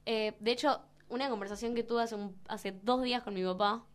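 A woman's voice: on the high side, a little fast. A young woman with a Rioplatense accent, chatting casually as a podcast co-host and telling stories with lots of laughter. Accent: Rioplatense Spanish. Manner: animated storyteller, laughs often, acts out quotes. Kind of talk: casual chat.

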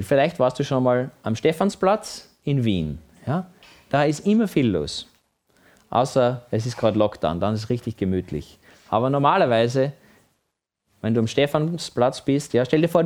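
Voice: mid-range voice, a little mellow. A Bible teacher, giving an emphatic teaching talk and often checking with the listener.

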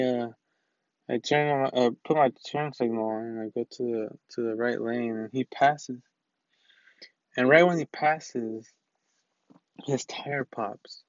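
A young man tells a personal story in loose, casual talk, circling back and restarting his sentences as he goes. His voice sits at a middle pitch. The recording sounds slightly dull and dry, with no room around it. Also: dry recording. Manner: rambling, loose, full of restarts.

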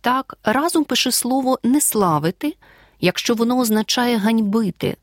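A woman from Ukraine teaching a language lesson, reading a scripted audio lesson and dictating example words clearly and deliberately. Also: fairly high pitch, lively intonation, dry recording, studio quality.

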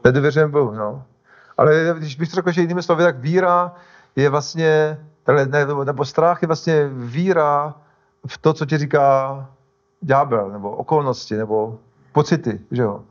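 A man's voice: on the high side, highs cut off. A male pastor preaching a sermon in a conversational way, often stopping to restart and correct himself.

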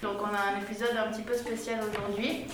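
A woman's voice: medium pitch, little pitch movement, fast. Woman hosting a podcast. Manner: hesitant, many fillers. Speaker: podcast host and moderator. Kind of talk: moderating a roundtable discussion. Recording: roomy, distant mic, music behind.

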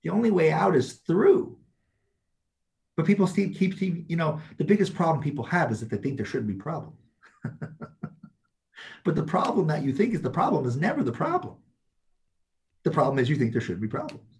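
Blunt, animated man. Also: on the high side, fairly quick, vocal fry, pauses often. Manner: blunt, emphatic, laughs often. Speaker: interview guest. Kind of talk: casual chat.

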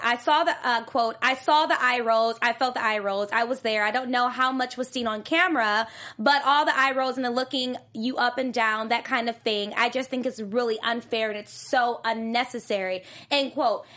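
Bright high-voiced young woman gossiping. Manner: animated, laughs often, blunt opinions. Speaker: co-host. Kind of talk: casual celebrity gossip chat.

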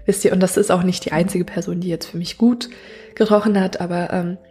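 A woman hosting a casual solo podcast, gushing and slangy, dropping English phrases and slipping into breathy whispers. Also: on the low side, steady tone, fairly quick, dark tone, faint music behind. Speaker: podcast host.

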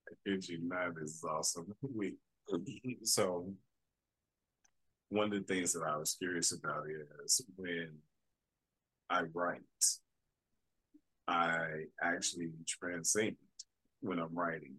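A man with a very low, husky voice that still has a bright, forceful edge. He talks earnestly and with enthusiasm in a casual conversation. The recording is dry, with no room echo. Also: steady tone, slow, long pauses. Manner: earnest and enthusiastic, with short affirmations.

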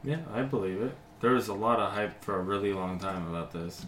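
A man's voice: fairly low pitch, brisk, fairly bright tone, a little hiss or hum. A man hosting a casual podcast, talking loosely and laughing often. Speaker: podcast host. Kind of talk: casual chat.

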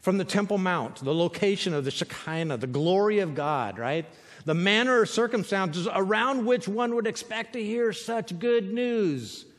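High-pitched male preacher, chatty sermon, long echoing hall. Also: animated, moderate pace. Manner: conversational, often asks "right?"; drops to quiet emphasis. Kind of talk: sermon on scripture.

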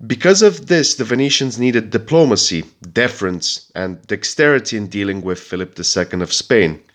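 Podcast host, male, lowish voice, nasal and stuffed up from a cold, measured scripted history narration. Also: expressive. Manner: measured, reads with occasional fillers and restarts. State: has a heavy cold.

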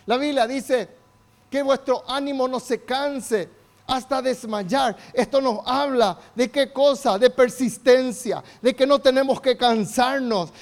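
A male pastor preaching a sermon, emphatic, leading the congregation in call-and-response and acting out quotes. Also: very high-pitched. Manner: acts out quotes of biblical figures in shifting voices.

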